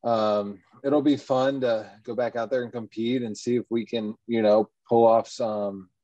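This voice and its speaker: A man, a baseball pitcher answering interview questions in an easygoing, rambling way. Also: fairly even intonation, measured pace, warm tone, no echo. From Texas, USA. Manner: easygoing, rambling, many ums and you-knows. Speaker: professional baseball pitcher, guest. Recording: dull, muffled lo-fi sound.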